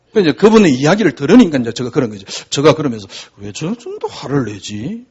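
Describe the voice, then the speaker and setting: Male pastor, sermon delivery, conversational with rhetorical questions, high-pitched and husky. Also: lo-fi sound.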